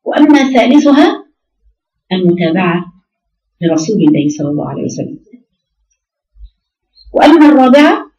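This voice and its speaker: A woman's voice: medium pitch, dark tone. A woman with an Egyptian accent giving a religious lesson to women, asking rhetorical questions and counting out her points. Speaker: religious teacher. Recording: roomy, distant, dull lo-fi recording.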